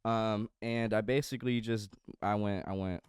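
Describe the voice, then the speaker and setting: Speaking at a normal pace in a lowish voice with fairly even intonation, a young music producer casually walks through his studio. He rambles with many fillers and restarts, and his voice is congested and slightly nasal.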